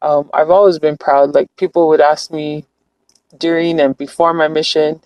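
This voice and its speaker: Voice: medium pitch, flat delivery, normal speed, darkish tone, no echo, low-quality recording. A live-streamer from California talking in a casual, earnest, reflective way, rambling with frequent restarts. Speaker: livestreamer.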